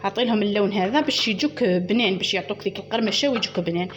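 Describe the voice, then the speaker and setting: Her medium-pitched voice races along as she leads a home baking tutorial in an Algerian Arabic accent, walking friends-like viewers through each step. She's chatty and instructive, calling them "girls," while music is clearly heard in the background.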